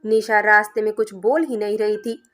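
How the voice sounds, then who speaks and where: A woman's voice: mid-range voice, steady tone, normal speed, fairly bright tone. A woman reading a family story aloud as scripted narration, speaking every character's lines in her own voice. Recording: narration with background music.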